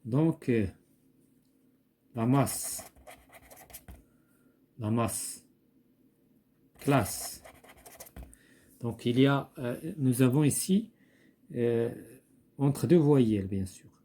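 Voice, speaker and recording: Slow, husky Moroccan teacher. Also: male voice, medium pitch, dark tone. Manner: slow, repeats each word, thinks aloud with fillers. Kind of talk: slow classroom explanation.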